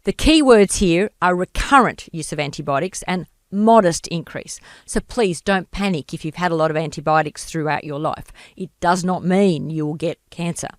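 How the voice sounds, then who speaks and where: Croaky woman hosting a health podcast. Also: on the low side, dry recording, studio quality. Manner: measured, explanatory. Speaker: podcast host, doctor. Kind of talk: scripted health podcast narration.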